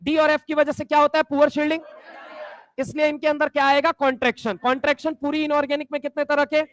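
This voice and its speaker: A man teaching chemistry to a class, bantering and teasing students and drilling mnemonics slowly, sometimes shouting key points. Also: extremely high pitch, little pitch movement, no echo, some chatter behind. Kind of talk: classroom lecture with call-and-response.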